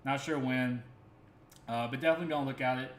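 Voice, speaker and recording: A man's voice: medium pitch, fast. An earnest man rambles through casual livestream talk, circling back with fillers and self-corrections. His mid-range voice rings in an echoey room with a faint ambient hum beneath. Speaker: crypto stream host.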